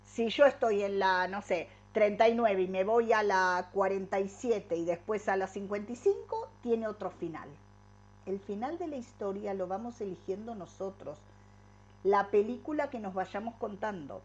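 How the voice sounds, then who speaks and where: A woman's voice: medium pitch, moderate pace, darkish tone, highs cut off. A middle-aged woman gives an inspirational talk and keeps checking in with rhetorical tag questions. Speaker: workshop speaker.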